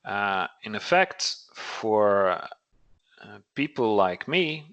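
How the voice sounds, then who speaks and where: A man's voice: fairly low pitch, big pitch swings, slow pace, fairly bright tone, lo-fi sound. A man, a podcast guest explaining things thoughtfully and searching for words. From Lithuania. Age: late 30s. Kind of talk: earnest podcast conversation.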